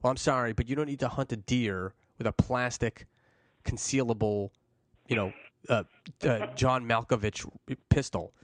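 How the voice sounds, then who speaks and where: A male talk show host with a medium-pitched voice, recorded dry and close. He chats casually, steering the conversation and tossing in playful, joking what-ifs. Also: moderate pace, no echo.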